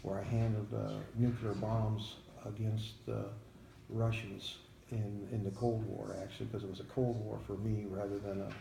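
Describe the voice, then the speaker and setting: An older American man, a veteran in an interview, remembering his army days in a halting, plain-spoken way. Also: fairly low pitch, flat delivery, creaky. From United States. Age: 70s or older. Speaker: Vietnam-era army veteran being interviewed. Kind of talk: veteran interview, recalling memories. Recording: echoey room, faint background noise.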